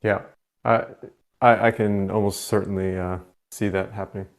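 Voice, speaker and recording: A man's voice: fairly low pitch, flat delivery, moderate pace. A man co-hosting a casual chat, giving brief, tentative replies. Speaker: co-host.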